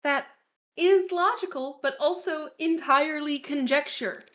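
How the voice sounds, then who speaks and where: A woman's voice: high-pitched, a little slow, a bit bright. A woman reading a smug, sarcastic prosecutor aloud, firing off cutting retorts. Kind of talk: reading a courtroom visual novel aloud.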